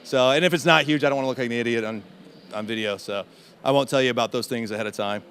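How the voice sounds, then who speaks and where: A man talking as an interview guest in a casual conference chat, with many fillers and halting restarts. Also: medium pitch, fairly bright tone. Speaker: interview guest, in-house SEO specialist.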